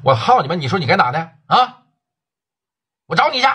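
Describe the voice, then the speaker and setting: A man voicing a furious, hot-tempered gang boss who swears and yells threats. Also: on the high side, big pitch swings, brisk, husky, heavily acted. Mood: enraged.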